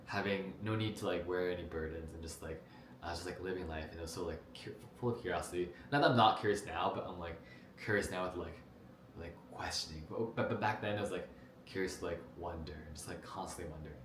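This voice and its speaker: A man's voice: deep voice, fast talker, fairly bright tone, echoey room, a little hiss or hum. A young man from New Jersey talking casually to a camera about his life, rambling with lots of fillers and restarts. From New Jersey, United States. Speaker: vlogger. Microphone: camera mic.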